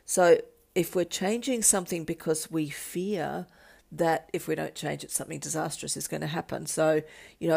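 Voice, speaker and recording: A woman's voice: deep voice, creaky, darkish tone. A woman hosting her own podcast, talking through ideas on personal change, often repeating words as she searches for the next one. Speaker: podcast host, coach. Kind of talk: solo talk on personal change.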